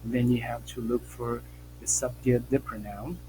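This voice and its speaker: A man's voice: medium pitch, fairly even intonation, takes it slowly. A man teaches an English grammar class online, explaining patiently and repeating key points. He checks in with his students again and again. A faint hum sits under his voice.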